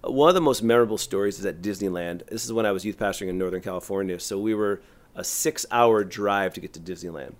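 Lower-voiced middle-aged man telling stories. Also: fast. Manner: animated, rambling, heavy use of "like". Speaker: youth pastor guest. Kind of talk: casual storytelling on a podcast.

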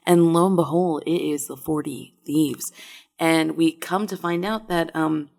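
A woman's voice: deep voice, fairly even intonation, unhurried, creaky, darkish tone. A woman chatting casually on a podcast, hesitant with many ums and uhs. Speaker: podcast co-host.

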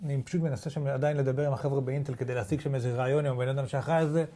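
A man's voice: medium pitch, fairly even intonation, warm tone. A man with an Israeli accent co-hosting a casual tech news chat in an informal, slangy way. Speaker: podcast co-host.

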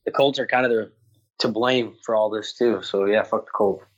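A husky-voiced, fairly low man speaks bluntly over a video call, cursing freely in casual chat. The call audio is dull and lo-fi and breaks up now and then. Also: fairly even intonation, moderate pace. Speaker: football fan guest.

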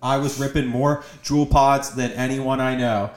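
A man's voice: medium pitch, little pitch movement, unhurried. A man in his twenties co-hosting a podcast, talking in a blunt, emphatic, swear-heavy way. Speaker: podcast co-host. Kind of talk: casual chat. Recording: echoey room.

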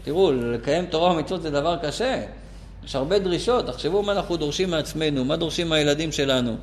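A man teaching a lesson to a live class, telling a story animatedly, his voice jumping up for emphasis. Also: a little hiss or hum. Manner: animated, pitch jumps up for emphasis. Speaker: Torah teacher.

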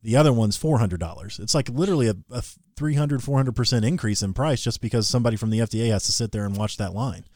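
A man co-hosting a casual talk podcast, telling stories with a sarcastic, animated edge. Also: medium pitch, fast talker, few pauses, no room sound, clean studio sound. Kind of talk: casual conversational discussion.

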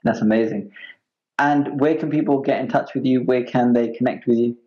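A man's voice: mid-range voice, fairly even intonation, moderate pace. A man hosting a podcast interview in an informal, appreciative way. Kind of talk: conversational interview. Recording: dull, muffled lo-fi sound.

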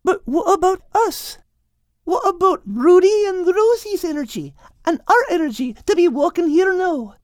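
A woman's voice: very high voice, lively intonation, moderate pace, darkish tone, dry recording, clean studio sound, voice pushed up. A woman voicing an eager young Scottish girl pupil who keeps asking curious questions. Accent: Scottish, put on. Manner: curious, asks lots of questions.

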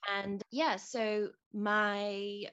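A woman's voice: mid-range voice, flat delivery, very slow, a bit bright, smooth, lo-fi sound. A woman from Zambia in her thirties, a podcast guest telling her life story openly and reflectively. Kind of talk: casual interview storytelling.

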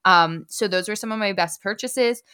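A young woman co-hosting a casual podcast chat, running through her picks with an upbeat, chatty manner. Her voice is bright and clear, sitting in a middle pitch range. She laughs easily between thoughts. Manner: upbeat, laughs often, quick lists. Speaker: podcast co-host.

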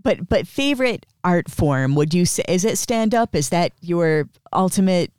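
A man's voice: high voice, lively intonation, normal speed, darkish tone, clean tone, dry recording, studio quality. A man hosting a casual podcast interview, talking in an effusive, complimentary way. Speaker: podcast host.

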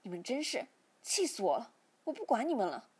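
A woman voicing a stern, angry older father who scolds his son, in a breathy, indignant reading. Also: on the high side, big pitch swings, normal speed. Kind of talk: storytelling reading.

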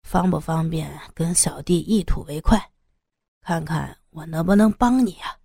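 A woman voicing a loyal, brotherly younger man who talks briskly and stammers when flustered, in an audiobook story. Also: deep voice, gravelly, dark tone, slightly rough, dry recording, clean studio sound, voice pushed down, exaggerated voice. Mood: concerned. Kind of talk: audiobook character voice.

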